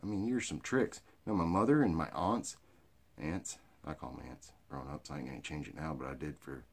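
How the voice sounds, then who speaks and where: Very deep, gravelly rowdy redneck man. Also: brisk. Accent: American, hick drawl. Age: middle-aged. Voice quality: gravelly, raspy. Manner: rowdy redneck talk, crude and folksy. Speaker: comedian. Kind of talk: rambling off-the-cuff sit-down comedy monologue to camera. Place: small cluttered indoor storage room or workshop. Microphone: phone or webcam at arm's length.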